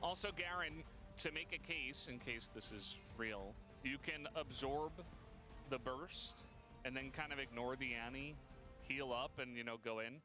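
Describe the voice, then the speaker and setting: Casual male co-caster over clear music. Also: mid-range voice, measured pace, bright, forceful tone. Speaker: esports co-caster. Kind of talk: colour commentary.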